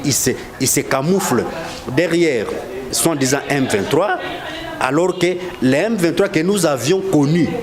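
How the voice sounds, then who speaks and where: A man's voice: fairly high pitch, background noise. A man from DR Congo with a Congolese French accent, speaking as an official in a live outdoor interview, emphatic and accusatory, often repeating words and hesitating.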